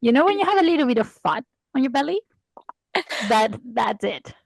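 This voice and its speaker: Young woman, gravelly creaky voice, quick casual asides, dry sound. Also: a little high, very animated, no room sound. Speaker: podcast co-host. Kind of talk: casual chat.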